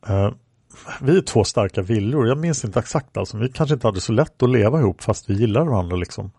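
A man's voice: on the low side, lively intonation, mellow, breathy edge, no echo, studio quality. A man reading a rambling woman under questioning. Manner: rambling, many fillers. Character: woman questioned by police, plain-spoken. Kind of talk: reading aloud an interrogation record.

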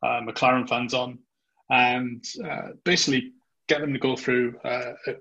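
Casting: male podcast host, husky edge, casual and hesitant, muffled recording. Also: mid-range voice, flat delivery, unhurried, sharp tone. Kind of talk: casual interview chat.

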